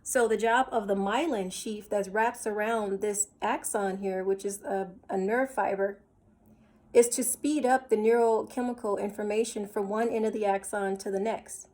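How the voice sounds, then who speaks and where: A woman's voice: mid-range voice, steady tone, normal speed, darkish tone. A woman teaching a recorded lecture over slides, explaining step by step and repeating points, with many fillers and restarts.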